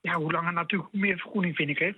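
High husky man on a phone line. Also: fairly even intonation. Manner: slow, hesitant, easygoing. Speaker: caller. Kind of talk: phone-in call.

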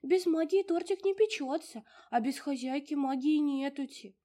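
A woman's voice: high-pitched, normal speed, dark tone, voice pushed up, lightly acted. A woman voicing a fussy little house-spirit granny. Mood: fussing. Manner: folksy, doting, exclamatory.

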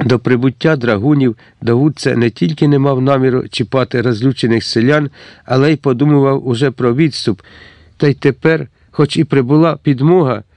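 A man reading a historical novel aloud as an audiobook narrator, in a steady, measured storytelling manner. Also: mid-range voice, no room sound.

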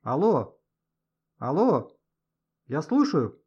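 Male narrator doing an excitable schoolboy, loud and eager, lively husky voice, lo-fi audio. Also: on the high side, normal speed, voice pushed up. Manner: shouting eagerly. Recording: dull lo-fi audio.

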